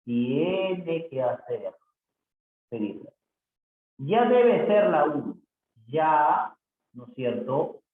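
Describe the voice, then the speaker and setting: A man's voice: a little high, big pitch swings, very slow, long pauses. A man teaching a recorded grammar lesson, reading exercise sentences aloud and repeating them corrected, often checking in with tag questions. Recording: tinny phone-like, very echoey, faint hiss.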